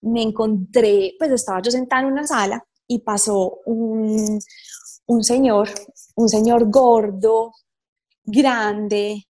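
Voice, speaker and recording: A woman, a wellness therapist and mother, telling her personal story as a guest. She speaks earnestly, with many fillers and slowed pauses. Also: on the high side, steady tone, warm tone.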